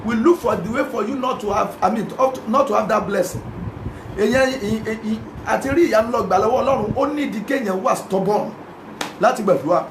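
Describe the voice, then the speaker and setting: Very high-voiced fervent Nigerian pastor. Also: male voice, quick pace. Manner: fervent, chanting repeated prayer lines, often shouting. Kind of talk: sermon and prayer. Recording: echoey room with background noise.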